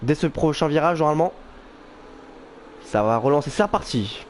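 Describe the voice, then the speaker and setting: Excitable male motorsport commentator, higher-pitched voice. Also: normal speed. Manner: reactive, exclamatory, thinking aloud. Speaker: motorsport commentator for an online sim racing league. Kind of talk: live motorsport commentary, informal. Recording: clear background noise.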